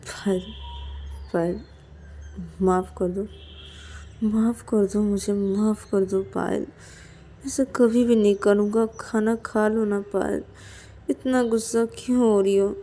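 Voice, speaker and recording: A woman's voice: medium pitch, fairly even intonation, slow, long pauses, mellow. A woman voicing a young woman who pleads with her lover to eat, repeating her words over and over. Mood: pleading.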